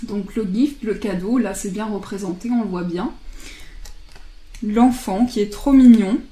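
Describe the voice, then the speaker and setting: A woman casually presenting oracle card decks, chatting and laughing softly at herself as she translates card titles aloud. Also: mid-range voice, a little slow, echoey room.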